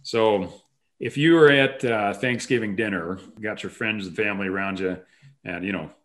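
A man hosting an interview, asking questions in a relaxed, conversational way. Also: on the low side, normal speed. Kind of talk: casual interview.

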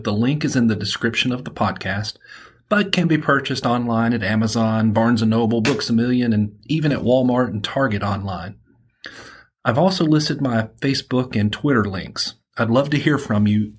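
A man from Alabama with a Southern accent and a slightly husky voice, presenting and reading as an author on his podcast. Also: mid-range voice, moderate pace. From Alabama, United States. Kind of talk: podcast introduction and audiobook-style first-person narration.

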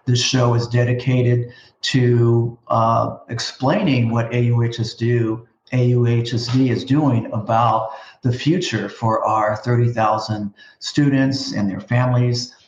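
A man hosting a school district interview show, speaking in a measured way with some hesitant fillers. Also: medium pitch, little pitch movement, reverberant, highs cut off. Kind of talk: hosted interview.

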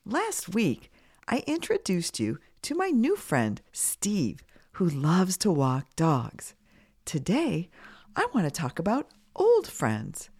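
Low, lightly scratchy woman's voice, animated. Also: takes it slowly, no room sound, clean studio sound. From United States. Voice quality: slightly scratchy. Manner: simple, clearly phrased address to children. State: getting over a cold. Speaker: children's podcast host. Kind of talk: scripted narration for children.

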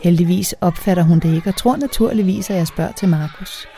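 A young adult woman, working as an audiobook narrator, reads a first-person story aloud conversationally while lightly acting out the dialogue. Her voice is fairly low and mellow.

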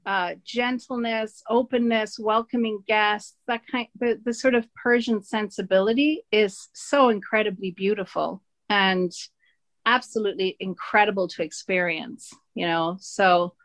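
An Irish woman in her forties, a guest in casual conversation, animated and emphatic, often laughing as she tells stories. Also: mid-range voice, measured pace, no room sound. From Ireland.

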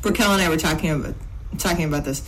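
Woman, podcast host, from California, casual chat, lively, laughing asides. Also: deep voice, racing, noisy background.

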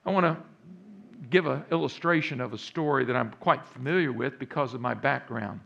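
Brief: Texas-accented male pastor, sermon delivery, gravelly voice, lo-fi recording. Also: mid-range voice, fairly quick, fairly bright tone. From Central Texas. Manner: folksy storytelling with rising emphasis.

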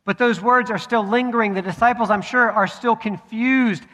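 High-voiced preacher in a reverberant hall. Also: male voice, pushed and bright. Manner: measured, with deliberate pauses. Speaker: pastor. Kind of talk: sermon. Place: church sanctuary.

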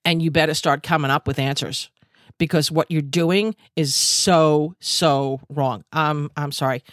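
A fired-up woman rants straight into a video call, her voice low and dry. She repeats herself for emphasis and stumbles through fillers as her anger builds. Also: fairly even intonation, unhurried, dry recording. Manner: angry, emphatic, repetitive, with many fillers. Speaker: host. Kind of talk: impassioned monologue.

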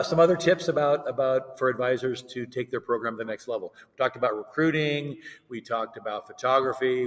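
Enthusiastic podcast host, hall reverb. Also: male voice, medium pitch. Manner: enthusiastic, encouraging. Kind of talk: casual podcast interview.

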